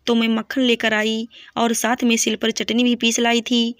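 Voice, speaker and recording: A woman voicing a kind, loving older mother-in-law in a storybook reading, speaking gently and affectionately. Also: a little high, completely flat delivery, moderate pace, no echo, lightly acted.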